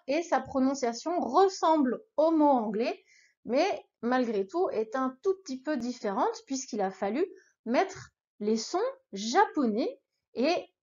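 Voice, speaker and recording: A woman's voice: sits high, lo-fi sound. A woman teaching a beginner language lesson, patiently leading repeat-after-me drills and cheering the listener on. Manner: patient, encouraging, addresses the listener informally.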